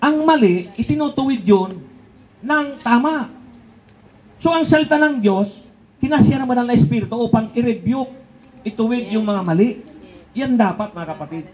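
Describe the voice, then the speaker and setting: A man's voice: very high-pitched, lively intonation, normal speed, long pauses, a little mellow, rough recording. An older man preaching a sermon in a conversational way, asking rhetorical questions and chuckling between points.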